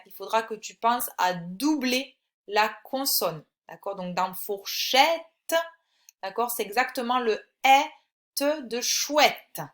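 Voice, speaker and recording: Slow, patient woman teacher. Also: on the high side, fairly bright tone. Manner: slow, clearly articulated word-by-word dictation; patient, encouraging, addresses the child directly. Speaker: primary school teacher. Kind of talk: recorded phonics lesson for young children.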